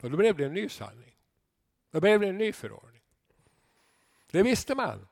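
A man preaching a sermon, dropping to low murmurs and rising to loud emphatic declarations, with conversational asides to his listeners. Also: sing-song, creaky, dry recording, studio quality.

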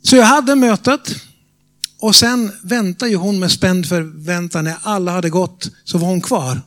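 A man with a Norrland Swedish accent delivers a sermon. His voice sits high for a man, and he tells the story dramatically. He turns to the congregation with questions. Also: fairly bright tone. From Norrland, Sweden. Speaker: preacher. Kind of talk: sermon testimony.

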